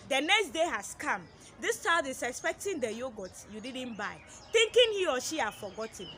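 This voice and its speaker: High bright-voiced mother giving advice. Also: slight background noise. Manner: earnest, repeats points, acts out children's voices. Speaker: parenting advice vlogger, mother. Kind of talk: earnest advice talk to mothers.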